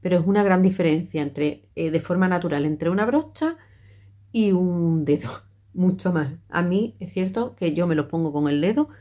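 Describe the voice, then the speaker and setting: Chatty woman with a mellow voice. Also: on the low side. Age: middle-aged. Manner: chatty, hesitant, many fillers and restarts. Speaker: makeup vlogger. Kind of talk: casual makeup tutorial.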